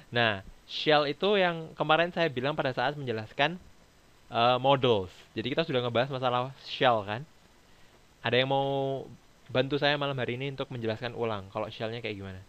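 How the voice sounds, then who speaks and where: A man's voice: medium pitch, normal speed, a bit bright, clear, resonant tone, muffled recording. A man teaching English grammar in a casual lecture, explaining step by step and acting out short example dialogues. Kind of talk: online class lecture.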